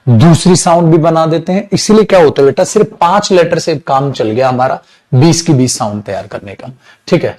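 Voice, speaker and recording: Male teacher, a bit higher voice, patiently drawn-out sound demos. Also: darkish tone, poor audio. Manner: addresses students as beta, drawn-out demonstration of sounds. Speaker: English teacher. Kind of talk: online classroom lesson.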